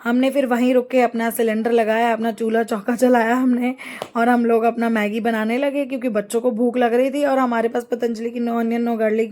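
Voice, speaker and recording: Middle-aged woman vlogging her family trip, fairly high voice, rambles and hunts for words. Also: flat delivery, darkish tone. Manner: chatty, rambling, pauses to find words. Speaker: travel vlogger. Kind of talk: casual travel vlog narration.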